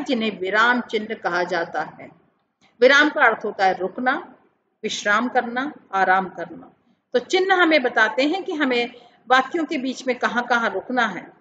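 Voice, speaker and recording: A woman teacher explaining grammar to children, talking them slowly through examples. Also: a little high, pushed and bright. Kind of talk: classroom lesson explanation. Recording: dull lo-fi sound with faint background noise.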